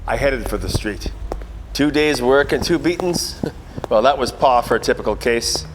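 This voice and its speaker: In a radio noir parody staged as a theatre production shot before a green screen, a man plays a wisecracking, cocky 1940s private detective, narrating wryly with slangy, world-weary flair. His mid-range voice is natural and animated at a moderate pace. The echoey hall leaves faint noise on the recording.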